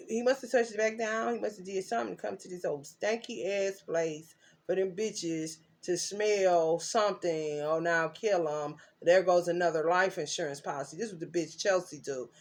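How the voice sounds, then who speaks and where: Woman ranting with heavy profanity. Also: mid-range voice. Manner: cursing, loud and emphatic, swings between shouting and muttering. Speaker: tarot reader. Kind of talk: rambling profane rant.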